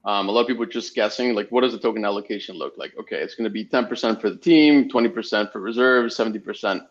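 A man's voice: fairly low pitch, fast talker. A man in his twenties from Spain, a podcast guest telling his story casually with many fillers. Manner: rambling storytelling with frequent fillers. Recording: slightly dull lo-fi audio.

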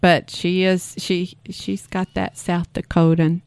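An enthusiastic woman with a New York accent co-hosts a chatty conversation. Her voice sits on the low side, recorded dry and close. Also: level tone, takes it slowly, gravelly, a little mellow, smooth, dry recording. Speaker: podcast co-host. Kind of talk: casual chat.

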